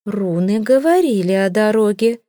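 A woman voicing a theatrical fake female fortune teller, chanting doom in slow, wailing prophecy. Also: medium pitch, expressive, warm tone, dry recording, clean studio sound, voice pushed up, close to an everyday voice. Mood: stern.

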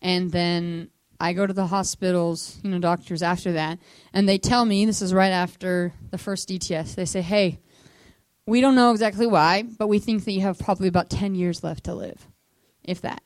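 A woman telling a personal testimony at a missions training school in a casual, animated way, acting out quotes in hushed whispers and high squeaks. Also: normal speed, no room sound.

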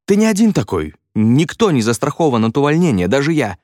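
A man's voice: medium pitch, big pitch swings, brisk, a little mellow, no echo, studio quality, voice pushed up, lightly acted. A man voicing a weary middle-aged male foreman who scolds curtly. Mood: resigned. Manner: curt, clipped and scolding.

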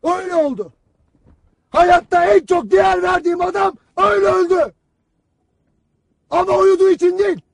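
An actor playing a stern male army commander who berates his soldiers in a harsh, shouting, cutting voice. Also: extremely high pitch, moderate pace, vocal fry, long pauses. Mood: bitter. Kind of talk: film drama acting.

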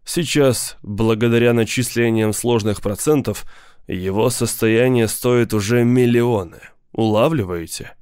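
A man voicing a big, menacing lawyer who speaks slowly and with cool politeness. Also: medium pitch, a little mellow, smooth, dry recording, studio quality, lightly acted. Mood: explaining. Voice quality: slow, measured, coolly polite. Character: big cold male mobster lawyer, menacing, patient.

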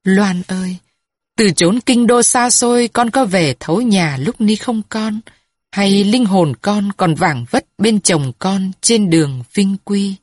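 A woman voicing a grieving old grandmother who speaks softly and pleadingly to her dead daughter, in a storybook reading. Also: mid-range voice, slow pace, dry recording, studio quality. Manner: soft, mournful, pleading address.

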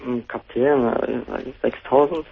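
A man's voice: medium pitch, fairly even intonation, a little slow, gravelly, husky. A man from Saxony-Anhalt, a trained ship captain calling a radio show, giving brief, hesitant answers. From Saxony-Anhalt, Germany. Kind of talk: phone call to a radio talk show. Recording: tinny phone line on radio.

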